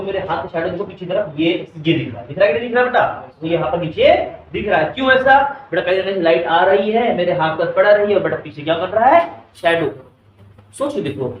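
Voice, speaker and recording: A man's voice: sits high, slight background noise. A male physics teacher with an Indian English accent lecturing a class, constantly firing questions at the students. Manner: keeps quizzing students, calls them beta. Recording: echoey classroom, mic far off.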